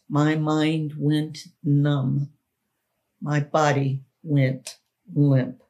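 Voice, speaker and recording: A woman author and podcast host reading her own memoir aloud in a solemn, deliberate way. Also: sits low, a little mellow. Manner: slow, solemn, deliberate storytelling.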